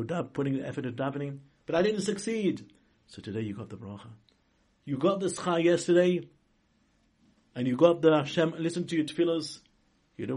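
A man speaking as a rabbi in an informal sermon, halting and rephrasing as he goes, with emphatic stresses. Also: a little high, a little mellow, husky. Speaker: rabbi giving a religious talk. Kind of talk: informal sermon, inspirational religious lesson.

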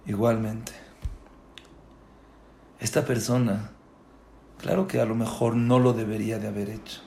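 A man, a rabbi, giving a Torah sermon, dropping to low murmurs and then rising into impassioned shouts, with rhetorical questions and repeated words. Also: steady tone, unhurried, vocal fry, roomy sound, a little hiss or hum.

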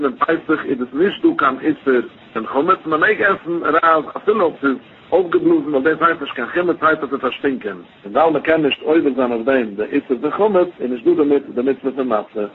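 A man's voice: fairly high pitch, expressive, brisk. A man giving a Talmud lesson, explaining in a chanting study cadence. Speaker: Talmud teacher. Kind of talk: Talmud lesson in Yiddish-tinged speech. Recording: tinny phone-line recording, faint hiss.

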